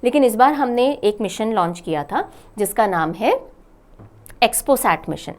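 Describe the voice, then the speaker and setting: A woman's voice: on the high side, big pitch swings, normal speed. A woman teaching a current affairs lesson for exam preparation, asking questions and answering them herself, mixing English phrases into Hindi. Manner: explains step by step, asks and answers own questions. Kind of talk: exam-prep lecture.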